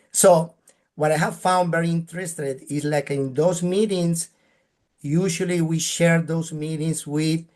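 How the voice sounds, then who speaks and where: Speaking as a webinar guest, this Colombian man offers practical tips in earnest, tagging many points with "right?" His voice is a little high and slightly mellow, with a Colombian Spanish accent.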